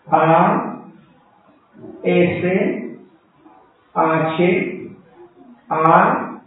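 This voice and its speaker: A man teaching a live-streamed Bible class, patiently spelling out words letter by letter and addressing listeners as brothers. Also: on the high side. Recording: echoey room, distant mic, thin phone-like sound.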